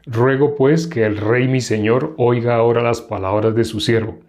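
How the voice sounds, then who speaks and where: A man reading the part of David, a young warrior pleading with a king, in a slow, measured, earnest way. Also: medium pitch, fairly even intonation, darkish tone, natural voice.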